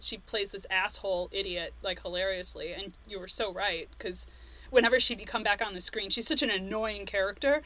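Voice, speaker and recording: Woman podcast co-host, bright tone, animated casual chat, filler-heavy. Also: medium pitch, moderate pace. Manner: animated, lots of "like", quoting herself.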